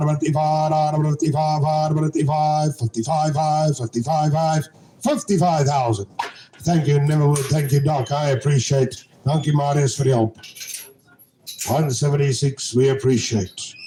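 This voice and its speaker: A man working as a livestock auctioneer, chanting bids in a fast rhythmic run. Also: fairly high pitch, dark tone. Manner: rhythmic chant of repeated bids, switching languages. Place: cattle sale ring. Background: crowd of buyers.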